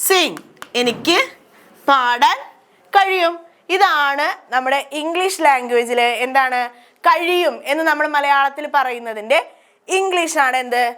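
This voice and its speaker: A woman's voice: high voice, a bit bright. A woman with a Malayali accent teaching English grammar, asking questions and answering them herself. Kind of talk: grammar lesson explained in Malayalam.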